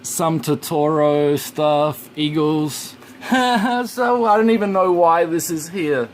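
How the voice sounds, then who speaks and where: A man's voice: fairly high pitch, animated, slow, slight background noise, rough recording. A man from Hong Kong who grew up in Australia, chatting casually and rambling as he cooks and answers viewer questions in a home kitchen. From Hong Kong, raised in Australia. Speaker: live streamer. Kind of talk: casual chat while cooking. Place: home kitchen by a hot stove.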